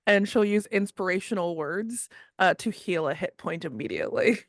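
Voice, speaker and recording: A woman playing a tabletop game, speaking softly and pausing often. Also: lowish voice, slight background noise. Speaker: player. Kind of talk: casual tabletop play.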